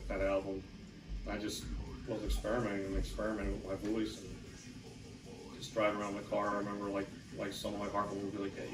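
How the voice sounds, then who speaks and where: A man casually talking in an interview, relaxed and reminiscing. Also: fairly low pitch. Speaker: band vocalist. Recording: roomy, distant mic, music behind.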